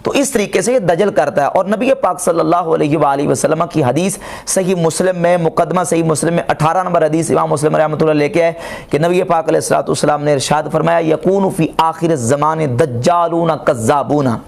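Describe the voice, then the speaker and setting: A man's voice: a little high, fairly even intonation, brisk, gravelly, a little mellow. A man giving an argumentative religious lecture, firing rhetorical questions and quoting Arabic. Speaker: religious scholar reviewing a speech.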